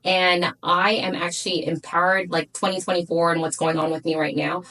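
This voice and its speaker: Blunt, emphatic woman with a low voice. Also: flat delivery, moderate pace, bright, forceful tone, low-quality recording. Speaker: salon owner guest. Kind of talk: podcast interview.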